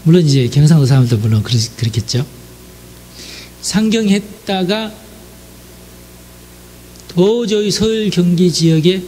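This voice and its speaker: With a slightly high yet dark-toned voice, a preacher from the Jeolla region of South Korea chats his way through a sermon, speaking straight to the audience and frequently affirming them. A little hiss or hum is audible.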